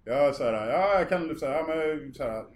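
A man's voice: a little high, lively intonation. A man from western Sweden with a Stockholm accent, chatting casually and bluntly in colloquial language as an interview guest. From Västergötland, Sweden. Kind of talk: casual chat. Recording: roomy echo with faint background noise.

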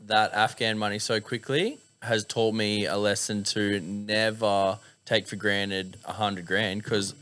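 Blokey, slangy Australian man, lowish pitch. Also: little pitch movement, a little slow, few pauses, sharp tone. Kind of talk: casual anecdotal chat.

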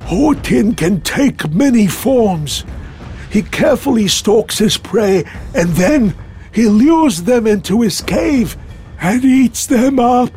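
A man's voice: very high-pitched, lively intonation, slow pace, a little mellow, soft background music, heavily acted. A man voicing a cranky old village man who scolds and warns of doom in a children's audio story. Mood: ominous. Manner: grim, scolding, insistent.

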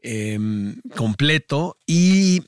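A man's voice: medium pitch, animated, very slow, clear, resonant tone, dry recording, studio quality. A man co-hosting a podcast, chatting casually about TV series with lots of fillers and restarts. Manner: rambling, many fillers and restarts. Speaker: podcast co-host. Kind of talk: casual chat reviewing series.

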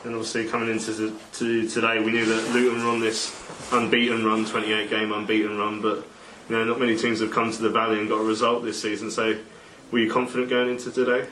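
Monotone, quick male interviewer, distant and echoey. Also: lowish voice. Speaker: sports interviewer. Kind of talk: post-match interview questions. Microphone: off-mic, distant. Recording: distant mic, echoey, faint noise.

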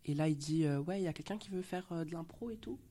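Soft-spoken Belgian woman, hesitant. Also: low voice, quick pace. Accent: Belgian French. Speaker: actress guest. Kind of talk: casual interview chat.

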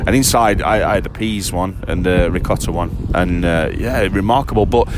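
A man with a low voice hosts a relaxed conversation. His phrasing is loose and hesitant, and clear outdoor traffic noise sits around the voice. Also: normal speed. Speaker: interviewer and host. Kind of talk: casual chat. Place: outdoors by the sea.

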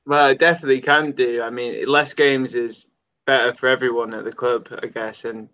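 A man's voice: medium pitch, fairly even intonation, moderate pace, bright, forceful tone. A young man calling into a football show, chatting casually in an easygoing, slightly tentative way. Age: young adult. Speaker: fan caller on a football show. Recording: dull lo-fi call audio.

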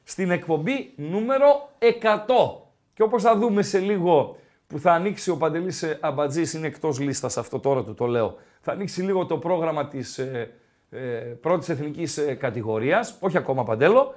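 A man's voice: a little high, expressive, a little mellow. A male sports radio host talking football in a casual, rambling way with many filler sounds, in a radio studio.

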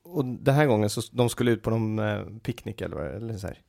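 Gravelly-voiced man telling rambling stories. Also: on the low side, expressive, a little mellow. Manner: rambling anecdotal storytelling with many fillers. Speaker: podcast co-host. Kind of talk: casual chat.

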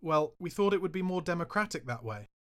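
A man's voice: on the high side, expressive, fairly quick, pitched above the performer's own voice, close to an everyday voice. A man voicing a meek, apologetic middle-aged male minister in an audiobook memoir, with hesitant replies. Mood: defensive.

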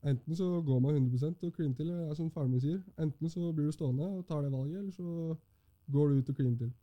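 A man in his twenties, a football goalkeeper, answering interview questions in a calm, measured way with many fillers. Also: fairly high pitch. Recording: dull lo-fi sound.

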